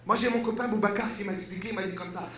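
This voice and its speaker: A young man with a Quebec French accent doing an animated, slangy stand-up routine on stage. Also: sits high, very fast, reverberant. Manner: animated, slangy, many voices. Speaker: stand-up comedian. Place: comedy stage.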